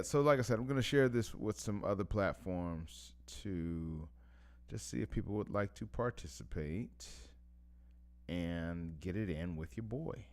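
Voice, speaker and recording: A man hosting a casual live stream, rambling in relaxed slang, chuckling between phrases and often losing his thread and starting over. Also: fairly low pitch. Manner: rambling, loses track and restarts often.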